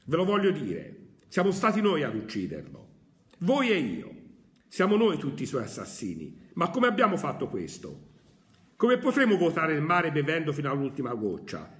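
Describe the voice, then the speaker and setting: A man's voice: fairly high pitch, wildly swooping pitch, normal speed, voice pushed up. A man voicing a frantic adult male madman who cries out urgent questions, read aloud during a lesson. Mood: anguished. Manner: urgent, exclaiming, rhetorical questions. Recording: echoey room.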